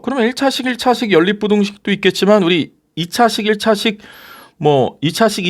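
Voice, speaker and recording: A male math teacher explaining step by step in a strongly animated voice that rises and falls a lot. His voice sits fairly high for a man and sounds close and dry. He keeps checking in with the students through rhetorical questions. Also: no room sound. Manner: lively, coaxing, asks rhetorical questions. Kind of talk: recorded math lecture.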